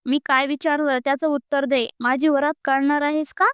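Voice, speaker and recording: A woman's voice: high-pitched, flat delivery, moderate pace, dry recording, close to an everyday voice. A woman voicing an angry young man, a reluctant groom, speaking in a heated, accusing way during a storybook reading. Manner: heated, accusing, close to tears.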